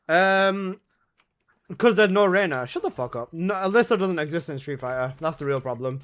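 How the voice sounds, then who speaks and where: A man's voice: on the high side, expressive, moderate pace, a bit bright. A young man chatting casually on a gaming livestream, answering his chat in laid-back slang from his room at home. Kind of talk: casual live-stream chat.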